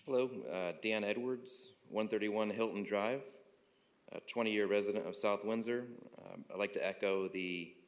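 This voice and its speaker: A man giving a firm, measured public comment at a town meeting, with a few ums. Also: fairly low pitch. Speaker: resident speaking at public comment. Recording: echoey meeting hall.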